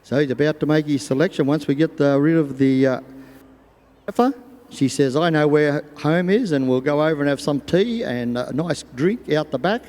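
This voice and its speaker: A man's voice: a little high, moderate pace, a little mellow. An Australian man commentating live sport as an arena announcer in a folksy manner over a stadium public address. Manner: folksy, voices imagined thoughts of riders and animals. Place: large show arena over loudspeakers. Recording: echoing stadium PA, long reverb.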